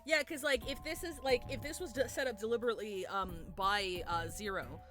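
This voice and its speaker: Give me a young woman streamer with a bright voice reading game text and theorizing. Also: a little high, a little fast, soft background music. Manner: animated, rambling with fillers when theorizing.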